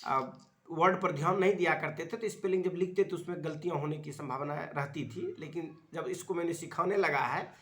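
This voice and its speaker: Working with a child on spelling at home, this man speaks a little high with a fairly bright tone. He's patient, repeats his prompts, and fills his hesitant explanations with filler sounds.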